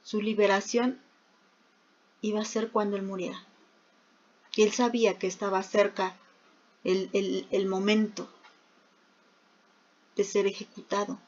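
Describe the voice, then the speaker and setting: Una mujer que enseña la Biblia en un sermón, con preguntas retóricas y lectura de versículos. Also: female voice, mid-range voice, flat delivery, unhurried, pauses often, darkish tone, a little hiss or hum. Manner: asks rhetorical questions, reads scripture aloud. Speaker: preacher. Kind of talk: bible teaching. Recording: dull lo-fi recording.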